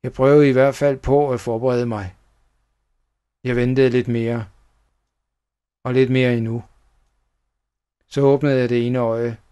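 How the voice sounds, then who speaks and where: A man reading a children's horror story aloud as a steady first-person narrator. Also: mid-range voice, long pauses, clean tone.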